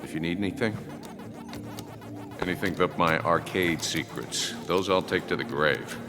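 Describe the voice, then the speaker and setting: A man's voice: sits low, normal speed. A man voicing an easygoing, reassuring friend in a video game. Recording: long reverb with game music behind.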